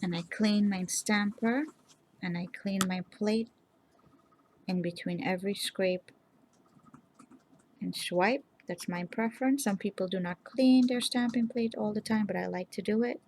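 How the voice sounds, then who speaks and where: A woman hosting a nail art tutorial, explaining each step in a calm, instructive way and speaking to viewers directly. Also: mid-range voice, measured pace, slight background noise. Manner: calm, instructive, addresses viewers as "you guys". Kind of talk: casual step-by-step tutorial narration.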